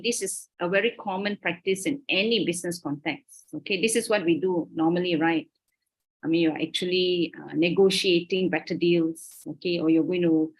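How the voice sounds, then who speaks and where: A Malaysian university lecturer gives an online lecture over a video call in Malaysian English, explaining her points carefully and often checking in with "okay?". Her voice is on the low side, and the recording is low quality.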